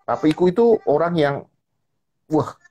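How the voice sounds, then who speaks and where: Male guest, husky voice, animated storyteller on a live-stream chat. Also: a little high, measured pace. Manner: animated storytelling, repeats "gitu kan ya". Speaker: guest speaker. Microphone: live-stream call. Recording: online live-stream audio.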